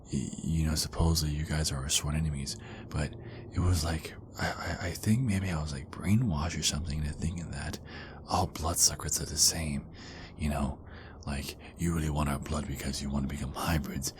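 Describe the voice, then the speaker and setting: In an intimate ASMR roleplay, a man voices a tender, insecure werewolf boyfriend, speaking hushed and halting and often slipping into whispers. His very deep voice sounds vulnerable and anxious, with slight background noise.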